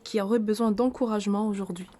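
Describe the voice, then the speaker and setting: A woman interviewing an author, asking halting questions full of fillers. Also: mid-range voice, steady tone, warm tone, a little hiss or hum. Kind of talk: casual interview.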